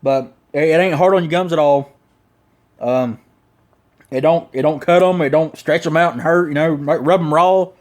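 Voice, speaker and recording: With his lower lip packed full of dip, a man with a Southern US drawl chats through a casual product review. His slightly high, somewhat mellow voice moves at a moderate pace, and he rambles in a folksy way, full of slang.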